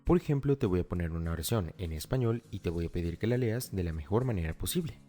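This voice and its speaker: Lively low-voiced man teaching a lesson. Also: fast, soft background music. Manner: clear, step-by-step explaining, addresses the learner directly. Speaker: English teacher. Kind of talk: scripted tutorial narration.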